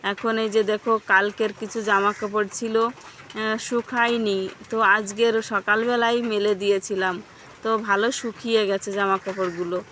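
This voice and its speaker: A woman's voice: fairly high pitch, fairly bright tone. A woman narrating a family vlog outdoors at her rural home, talking chattily to viewers she calls friends. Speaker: family vlogger. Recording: noisy outdoor phone recording.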